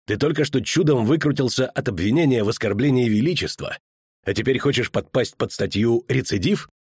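A man voicing a stern, impatient witcher in a low, gruff voice in an audiobook. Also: a little fast, a little mellow, dry recording, clean studio sound, natural voice.

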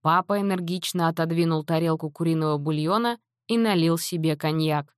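Low-voiced woman reading a novel. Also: fairly quick, clear, resonant tone, dry recording, clean studio sound. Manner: even, storytelling. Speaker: audiobook narrator. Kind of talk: first-person novel narration.

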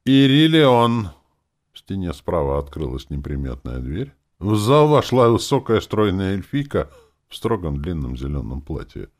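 Deep-voiced male audiobook narrator. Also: very animated, moderate pace, darkish tone. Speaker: audiobook reader. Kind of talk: first-person fantasy audiobook narration.

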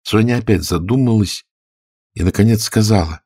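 A man reading a fairy-tale audiobook aloud as the narrator, with expressive intonation. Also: on the low side, normal speed, husky, dry recording, studio quality. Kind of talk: scripted storybook narration.

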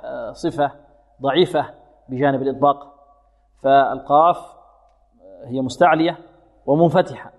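A man teaching Quran recitation rules. He asks his students questions and answers them himself, and he recites verses slowly as examples. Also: fairly high pitch, darkish tone. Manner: has students repeat sounds after him. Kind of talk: tajweed lesson with slow recited examples. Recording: phone-like audio with long hall reverb.

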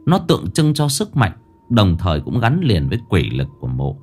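A man narrating a horror story in a lively, dramatic reading style. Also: deep voice, moderate pace, husky, faint music behind.

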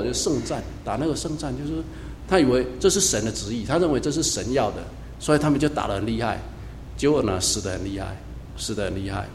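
A man preaching a sermon as pastor, swinging between loud emphatic lines and quiet low asides. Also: long reverb tail, a little hiss or hum.

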